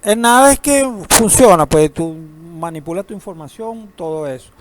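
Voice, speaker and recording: A man's voice: high-pitched, expressive, moderate pace, noisy background. A man teaching a database class, lecturing in a classroom, asking students questions and joking now and then. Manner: asks the class questions, uses humor.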